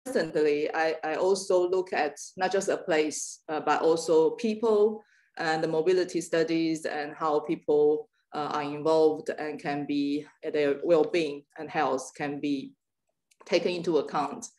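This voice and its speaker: A woman from Taiwan giving a guest lecture on urban planning over a video call, pausing often with fillers and restarting her sentences. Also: low-pitched, fairly even intonation, darkish tone. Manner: hesitant, many fillers and restarts.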